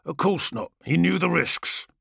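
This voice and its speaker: A brash male warrior sneers and taunts, his voice pushed higher and louder than the narration around him, with a gravelly edge, as a man puts him on. Dry, close storybook recording. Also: lively intonation, measured pace, no echo, exaggerated voice. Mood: brash taunting. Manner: taunting, sarcastic, rising to shouts. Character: brash, mocking male superhuman gladiator warrior.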